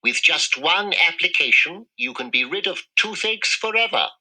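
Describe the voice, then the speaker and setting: A man's voice: on the high side, lively intonation, moderate pace, sharp tone, voice pushed up, exaggerated voice, poor audio. A man voicing a small male mouse dentist in a storybook, firm, precise and formal in manner. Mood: politely assured.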